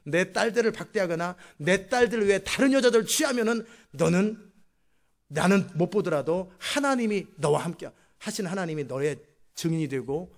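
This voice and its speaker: A male preacher acting out an angry older father-in-law who scolds and then sets stern terms, loud and dramatic. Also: high voice, lively intonation, moderate pace, pitched above the performer's own voice. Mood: stern bargaining. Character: angry old father-in-law confronting a runaway.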